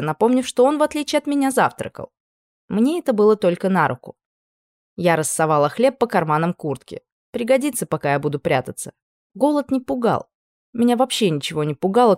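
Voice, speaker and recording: A woman narrates first-person fiction in a fairly low voice. She reads with lively irony, and the recording is dry and close. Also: dry recording. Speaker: audiobook narrator.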